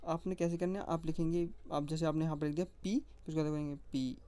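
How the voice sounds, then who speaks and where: A teacher explaining a lesson step by step, speaking directly to the viewer and slowly repeating letter sounds one at a time. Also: mid-range voice, steady tone, warm tone, dry recording. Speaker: shorthand teacher.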